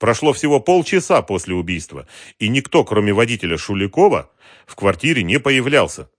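A man narrating a crime novel audiobook in an expressive, dramatic reading. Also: lowish voice, fairly quick, dry recording, studio quality.

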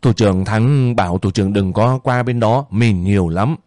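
A man's voice: fairly low pitch, normal speed, dark tone, no echo, clean studio sound, natural voice. A man voicing a dutiful young soldier who speaks earnestly and respectfully.

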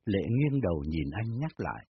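A man narrates a dramatized story with expressive delivery. His voice is low and moves a lot. The recording is dull, with faint music under it. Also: normal speed, slight background noise.

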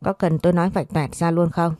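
A woman voicing a calm, defiant young woman who answers with curt retorts. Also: fairly low pitch, a little fast, no echo, clean studio sound, natural voice. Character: cool-headed young woman, sharp-tongued and defiant.

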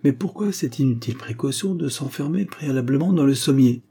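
A man voicing a calm, shrewd police detective who makes dry remarks. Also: medium pitch, a little fast, creaky, breathy edge, voice pushed up.

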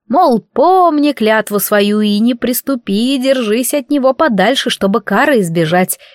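A grumbling old witch woman, put on by a woman narrator in a storybook reading. She scolds in homely, old-fashioned country speech, pitched a little higher than plain talk. The sound is dry and close. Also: no echo, lightly acted. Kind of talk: audiobook character voice.

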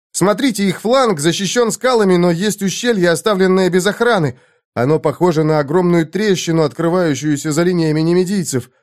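A young squire shouts in a high, breathless, frantic voice, as a male reader acts him out. Every line comes out loud and urgent, like a storybook lookout calling a battle. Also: close to an everyday voice.

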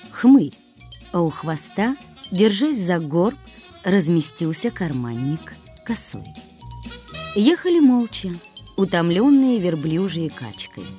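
A woman narrating an audiobook with lively, wry storytelling, recorded close and dry. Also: medium pitch. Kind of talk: scripted narration.

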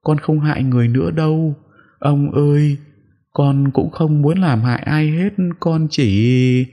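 A man voicing a young female ghost in a spoken horror story, high and pleading. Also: lively intonation, slow, a little mellow, breathy edge, long reverb tail, muffled recording, heavily acted.

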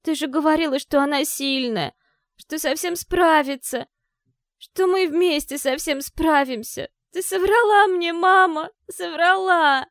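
A woman voicing a grieving teenage younger sister who cries and shouts accusations. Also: very high voice, a little slow, vocal fry, dry recording, studio quality, pitched above the performer's own voice, exaggerated voice. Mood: tearful, accusing. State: crying. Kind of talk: audiobook character voice.

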